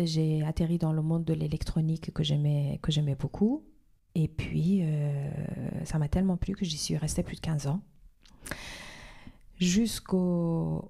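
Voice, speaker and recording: A woman's voice: deep voice, mellow. A woman in her fifties, from Iran, answering interview questions in a hesitant, reflective way with many fillers and restarts. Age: 50s. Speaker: podcast guest.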